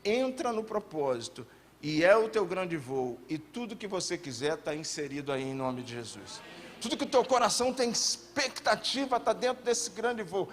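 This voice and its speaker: Brazilian male pastor, high voice, fervent preaching, faint room ambience. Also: lively intonation, normal speed, fairly bright tone, slight background noise. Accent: Brazilian Portuguese. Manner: impassioned, calls for amens, acts out God's voice. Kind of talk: sermon.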